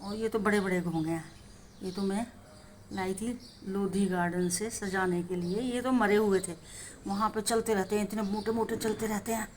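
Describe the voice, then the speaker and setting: A woman's voice: mid-range voice, fairly even intonation, normal speed, darkish tone, a little hiss or hum. A woman hosting a home gardening channel, chatting in a homely show-and-tell way and often checking in with the viewer. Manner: chatty, homely, keeps asking "है ना". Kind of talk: casual show-and-tell demonstration.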